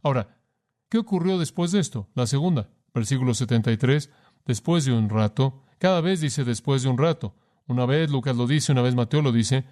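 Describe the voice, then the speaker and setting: A man's voice: mid-range voice, animated, brisk, darkish tone. A man preaching a sermon, speaking earnestly and emphatically, asking his listeners direct questions.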